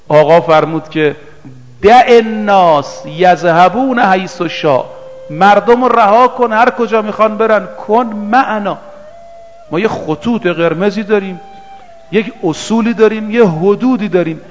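A man preaching a sermon, reciting scripture slowly in a half-chant and then explaining it in plain, casual speech. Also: high-pitched, big-room sound, a little hiss or hum.

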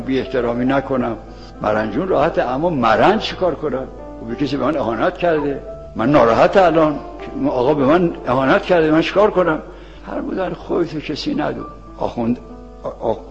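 Gravelly-voiced male cleric preaching in a hall. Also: medium pitch. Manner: storytelling, repeats key phrases, quotes scripture. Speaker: cleric teaching ethics to seminary students. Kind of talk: sermon with anecdotes. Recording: dull lo-fi sound with long hall reverb.

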